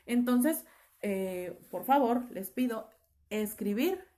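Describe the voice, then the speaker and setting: A woman teacher with a Mexican Spanish accent, explaining a class lesson with many fillers and pauses. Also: fairly high pitch, lively intonation, dark tone. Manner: explanatory, lots of fillers like "este" and "eh". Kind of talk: online class lecture.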